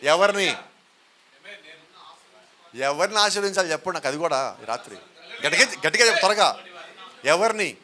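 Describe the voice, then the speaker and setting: A man's voice: a little high, lively intonation, normal speed, long pauses, pushed and bright. A man with a Telugu accent preaching a sermon, often putting questions to the congregation and urging them to answer aloud.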